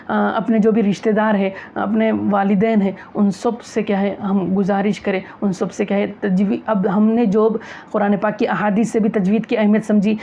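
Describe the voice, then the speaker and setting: A woman's voice: mid-range voice, dark tone, muffled recording, a little hiss or hum. A woman teaching a religious class, repeating points and answering her own rhetorical questions. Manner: rhetorical questions answered herself, repetitive and earnest. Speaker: Quran recitation teacher.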